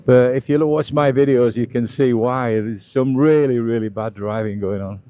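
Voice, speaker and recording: A man's voice: mid-range voice, moderate pace, dark tone, no room sound, highs cut off. A middle-aged British man giving casual, plain-spoken running commentary as he rides a scooter outdoors. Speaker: motovlogger narrating a ride. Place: outdoors, riding a scooter on roads.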